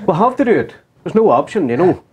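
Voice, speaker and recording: A man's voice: sits high, sing-song, fast, highs cut off. A man with a Northern Irish accent hosting a casual sofa chat show, jokey and rambling.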